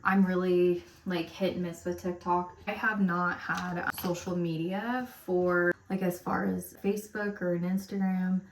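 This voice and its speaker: A woman in her thirties talks through a relaxed get-ready-with-me chat, rambling and full of fillers. Her voice sits a little low, and the room rings around her. The mic is some way off, with a faint hiss behind. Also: unhurried, few pauses. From Romania, raised in America. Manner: chatty, rambling, lots of "like". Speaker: lifestyle vlogger. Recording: roomy echo, mic at a distance.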